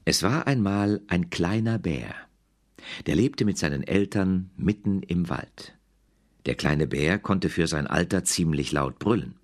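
A man narrating a children's audiobook in an expressive storytelling manner. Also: deep voice, measured pace.

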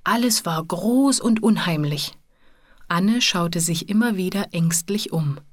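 A woman reading a children's story aloud in a calm, gentle way. She talks very slowly in a somewhat low voice. The sound is dry and close. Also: dry recording.

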